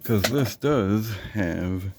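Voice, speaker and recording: Slow, gravelly-voiced man unboxing a fan. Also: fairly low pitch, expressive, background noise. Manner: dry, sarcastic asides; rambling, with fillers and self-corrections. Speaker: host of a product unboxing show. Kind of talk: casual unboxing commentary.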